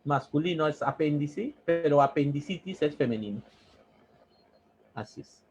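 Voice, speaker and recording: Teacher drilling grammar. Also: male voice, a little high, expressive, normal speed, darkish tone, highs cut off, faint music behind. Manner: explains step by step, repeating words and asking "¿no?". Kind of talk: classroom grammar lesson.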